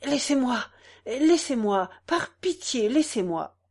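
Woman doing tormented young husband, trembling voice, strained and high, pleading, storybook reading. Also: lively intonation, slow, darkish tone, heavily acted. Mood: desperate pleading.

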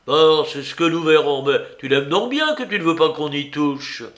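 A man's voice: on the high side, moderate pace, fairly bright tone, voice pushed up, lightly acted. A man voicing a heartbroken, hot-tempered young man. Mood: furious. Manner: anguished outbursts.

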